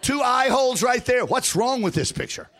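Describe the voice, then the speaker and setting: A man preaching a fervent revival sermon in the manner of a Southern preacher, using repetitive rhythmic phrases and call-and-response, moving between conversational asides and shouted, half-sung proclamation. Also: extremely high pitch, animated, normal speed, a faint crowd, a little hiss or hum.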